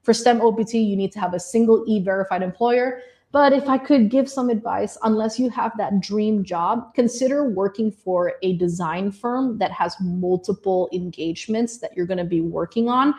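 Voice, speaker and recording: A woman who grew up in Indonesia talks through visa tips in an easygoing presentation. Her tone is friendly and encouraging, and she addresses listeners directly, at an ordinary middle pitch. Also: a little mellow. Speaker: immigration advisor presenting to designers. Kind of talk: presentation talk.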